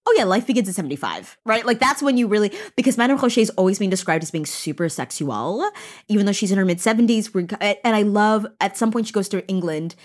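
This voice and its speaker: Woman, podcast co-host, casual book chat, animated, salty language. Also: mid-range voice, fast. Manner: animated, swears freely, acts out quotes.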